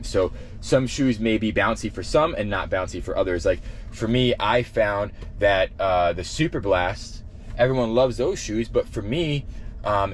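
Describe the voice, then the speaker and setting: Low-voiced man chatting on vlog. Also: a little hiss or hum. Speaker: running shoe vlogger. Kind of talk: casual vlog chat. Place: outdoors before a run.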